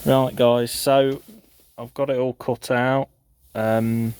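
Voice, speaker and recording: Medium in pitch with a darkish, clean tone, the man speaks slowly and keeps his tone level. As a farm vlogger, he's explaining a DIY installation informally and plainly in a casual how-to vlog filmed on a handheld phone.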